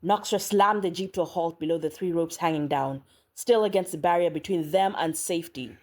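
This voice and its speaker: A woman narrating an audiobook in a measured, steady reading. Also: on the low side. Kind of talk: scripted narration.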